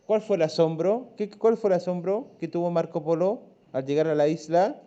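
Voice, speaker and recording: Chilean male teacher, mellow lo-fi voice. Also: high-pitched, normal speed. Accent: Chilean Spanish. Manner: patient, checks in with frequent "¿ya?" and "¿cierto?". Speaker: primary school teacher. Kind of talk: online class lesson.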